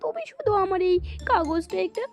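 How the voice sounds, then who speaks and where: A woman plays a bashful cartoon bride who sweet-talks with sly intent. The voice is very high and soft-spoken over light music. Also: very animated, brisk, exaggerated voice. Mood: coy. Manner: coy and sweet-talking. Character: coy, scheming young bride. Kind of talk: cartoon voice acting. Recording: faint music underneath.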